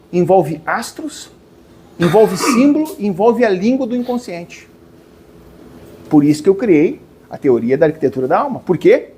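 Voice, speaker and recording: A man's voice: high voice, mellow, husky. A man gives a spiritual lecture to a live audience. He questions his listeners and calls them dear ones.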